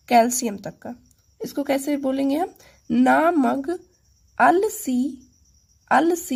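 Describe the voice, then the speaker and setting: High-voiced lady teacher, gravelly and husky, drilling memory tricks slow. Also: darkish tone. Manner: slow, syllable-by-syllable recitation for memorizing; addresses viewers as friends. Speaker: chemistry teacher. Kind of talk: teaching mnemonics.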